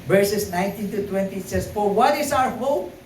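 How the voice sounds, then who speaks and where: Preaching in a church sanctuary, a man with a high, lively voice speaks at normal speed, recorded from a distance in an echoey room with slight background noise. He starts out hesitant with frequent fillers, then swells into emphatic repeated phrases.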